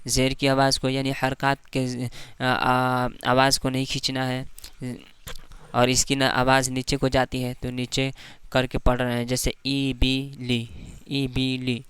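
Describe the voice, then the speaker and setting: A man teaching a Quran reading lesson, reciting letters slowly one by one and explaining each rule with patient repetition. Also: medium pitch, completely flat delivery, fairly bright tone, clean tone, dry recording. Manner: slow drawn-out letter recitation between explanations.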